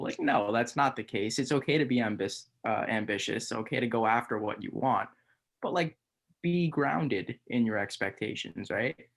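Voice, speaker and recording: A man in his early twenties chatting as a guest, with dry, wry remarks and a measured delivery. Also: mid-range voice. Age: 20s. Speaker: podcast guest. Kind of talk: casual chat.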